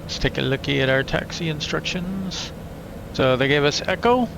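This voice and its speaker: A man's voice: fairly high pitch, normal speed, gravelly. A man giving casual running commentary as he plays a flight simulator, muttering checklist items to himself in clipped phrases. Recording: steady aircraft hum behind voice.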